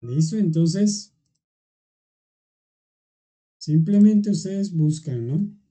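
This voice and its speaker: A patient teacher explaining grammar in an online class, speaking slowly and unhurriedly. The voice is very dark and mellow. They go step by step and keep checking in with the class. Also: medium pitch, lively intonation. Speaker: English teacher.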